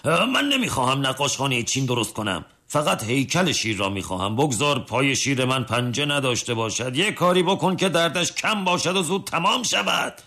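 A man voicing a boastful tough-guy customer who turns cowardly and complains about pain in high, jumping cries. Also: expressive, hardly any pauses, pushed and bright. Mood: whining.

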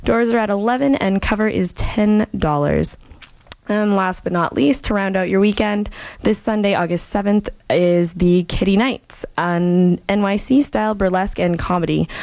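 A woman hosting a radio show casually, in an informal way with frequent hesitant pauses. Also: mid-range voice, darkish tone, no echo. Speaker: radio host filling in on a music show. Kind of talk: casual radio show presenting and event listings.

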